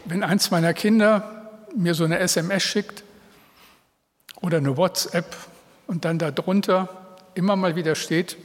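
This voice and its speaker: A middle-aged male pastor preaching an earnest, heartfelt sermon to his congregation, with pauses between phrases. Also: high-pitched, fairly even intonation. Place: church hall. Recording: reverberant church hall. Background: long reverb.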